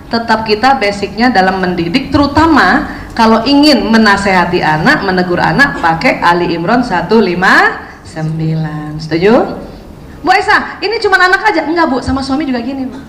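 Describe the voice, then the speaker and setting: A woman's voice: fairly high pitch, a bit bright. A woman giving a religious lecture to women, asking the audience questions and acting out prayers. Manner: asks the audience questions and acts out prayers and quotes. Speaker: Islamic parenting speaker. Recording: echoey hall, faint background noise.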